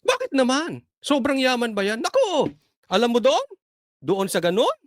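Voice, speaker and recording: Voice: mid-range voice, very animated, moderate pace, dry recording, clean studio sound. A political commentator talking casually, sarcastic and full of rhetorical questions, chuckling between points.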